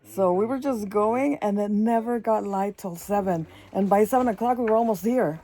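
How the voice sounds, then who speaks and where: A woman's voice: medium pitch, normal speed, warm tone. A woman, chatting and rambling as she vlogs outdoors in strawberry fields on a handheld phone. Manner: chatty, rambling, switches into Spanish. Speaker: vlogger. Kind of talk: casual vlog narration.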